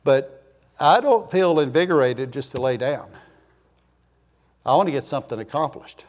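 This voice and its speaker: His voice is mid-range and animated, moving at normal speed. He's in his sixties, preaching in church in a loose, folksy style full of jokes, stories, and casual remarks to the congregation.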